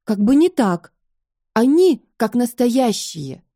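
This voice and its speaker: A woman's voice: on the high side, sing-song, slow, mellow, no echo, clean studio sound, full character voice. A woman voicing a feisty, exasperated young heroine in an audiobook, protesting indignantly. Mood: hurt. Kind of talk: audiobook first-person dialogue.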